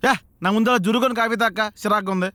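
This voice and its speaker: A man's voice: high-pitched, fairly even intonation, rapid-fire, close to an everyday voice. An actor playing a sarcastic young man who mocks his roommate and his old landlord. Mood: teasing. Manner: wisecracking, mocking. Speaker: lead comic actor in a web series.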